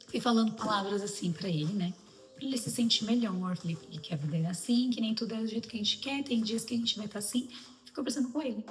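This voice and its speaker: A relaxed, lower-voiced woman shares a family story as easygoing testimony, slipping into her own and her son's voices as she retells the conversation. Soft music plays faintly underneath. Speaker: mother telling a personal story. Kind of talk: casual testimony.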